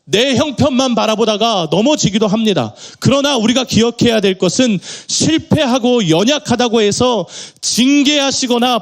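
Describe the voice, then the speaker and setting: A middle-aged male pastor delivering a sermon, rising into emphatic peaks and dropping into quiet, prayerful asides. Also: very high-pitched.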